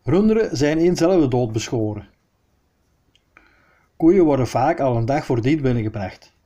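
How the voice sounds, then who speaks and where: A Flemish-accented man reading local history aloud, in a measured, dryly wry tone. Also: mid-range voice, animated, dark tone. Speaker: storyteller.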